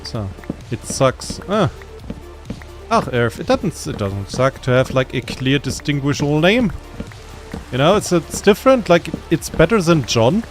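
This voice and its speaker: A man's voice: on the high side, big pitch swings, measured pace, music in the background. A man from Germany with a German accent, chatting casually and rambling a bit while streaming a game, laid-back and self-deprecating. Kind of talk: casual gaming stream chat.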